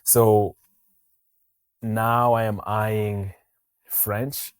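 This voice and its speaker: A podcast host from Mozambique leads a relaxed interview chat in a very low, deep, smooth voice. He talks haltingly, often stopping and restarting sentences and using many fillers. The sound is dry and close, with little room echo.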